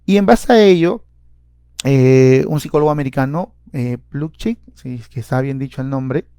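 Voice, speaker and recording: Man, lecturing warmly. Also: medium pitch, normal speed, clean tone, dry recording. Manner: explanatory, repeats words and fills with "eh". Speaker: clinical psychologist and seminar speaker. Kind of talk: seminar lecture.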